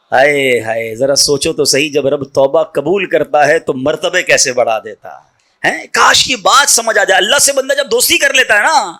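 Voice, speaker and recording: A man giving a sermon, telling a story with emotion and swinging between loud and hushed delivery. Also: sits high. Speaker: preacher.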